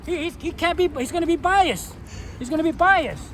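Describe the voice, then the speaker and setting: A man in his fifties from New York, heckling at an outdoor rally, shouting and repeating taunts in English and Spanish. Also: extremely high pitch, a little fast. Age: 50s. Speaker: street protester. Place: outdoors by a city building. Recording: crowd and street noise. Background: crowd, traffic.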